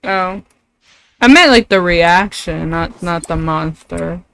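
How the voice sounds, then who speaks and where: While streaming a video game, a woman chats casually, getting easily distracted and using loose language. She speaks slowly in a fairly low voice with vocal fry. Background noise includes a loud pet dog.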